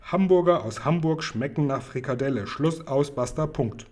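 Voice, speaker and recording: A man voicing a big, friendly male giant who booms and muddles his words while reading a storybook aloud. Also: moderate pace, darkish tone, close to an everyday voice. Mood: boisterous.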